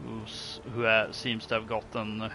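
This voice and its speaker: With game music in the background, a man hosts a gaming video in a lowish, monotone voice. He's unhurried, musing casually and hesitantly as he plays.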